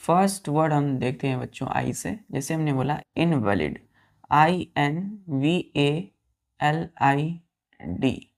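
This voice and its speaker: An Indian woman leads a vocabulary lesson in a low voice. She speaks slowly, spelling each word out letter by letter and repeating it several times. She keeps turning to her students with quick questions to check they are following. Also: animated, vocal fry, darkish tone. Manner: addresses students as children, asks check questions. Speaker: teacher.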